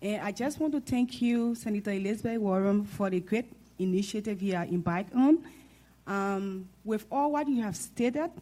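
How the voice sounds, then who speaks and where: A woman's voice: medium pitch, normal speed, dark tone. A woman from Liberia with a Liberian accent, speaking up earnestly and formally from the audience at a town hall. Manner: earnest, formal, preacher-like build. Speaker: audience member.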